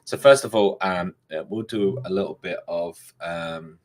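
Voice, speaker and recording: A man hosting a casual live coding stream. He halts and repeats words, and an uneven auto gain on his computer mic makes his level jump while noise swells up between phrases. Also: deep voice. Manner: halting, with many fillers and repeated words. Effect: uneven auto gain, level jumps up and down and noise swells between phrases. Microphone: computer mic on a browser streaming setup.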